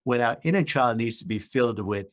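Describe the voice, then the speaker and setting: Speaking a little fast in a mid-range voice, this middle-aged Malaysian man is a guest author and coach being interviewed on a podcast. He walks through his ideas in an organized fashion and keeps checking in with "right?". The recording is dry.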